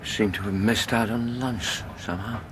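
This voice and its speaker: An actor playing a steady, loyal Victorian doctor in a radio drama, with an English accent and a gruff, understated manner. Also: male voice, lowish voice, moderate pace, background noise, lightly acted. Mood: matter-of-fact.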